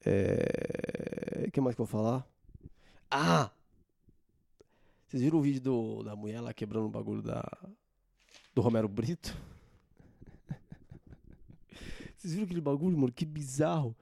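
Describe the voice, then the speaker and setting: A man's voice: mid-range voice, unhurried, gravelly, pauses often, darkish tone, no room sound. A young man hosting a solo podcast, ranting in an informal, slangy and sarcastic way into a close mic. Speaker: podcast host. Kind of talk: casual solo podcast rant.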